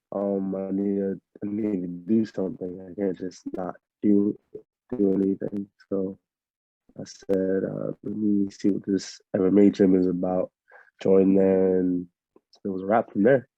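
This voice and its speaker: A young man from Miami, a fighter answering interview questions in a relaxed, rambling way full of fillers. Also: low voice, measured pace, no echo. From Miami, USA. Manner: laid-back, rambling with many fillers. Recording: muffled lo-fi audio.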